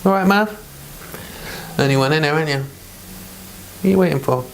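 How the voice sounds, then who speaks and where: Someone with a medium-pitched, creaky voice hosts a homely devotional read-along, reading the Bible aloud for themselves and their listeners. They shift between formal scripture reading and informal, chatty talk at a moderate pace. The rough recording carries slight background noise.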